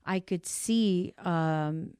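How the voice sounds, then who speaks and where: Her low-leaning voice is smooth and extremely slow, in clean studio sound with no room noise. A business owner running an insurance brokerage, she appears on a podcast with a Cuban Spanish accent from her Cuban family, having grown up on the US East Coast, telling her story in an earnest, emotional way that turns lively when she's amused.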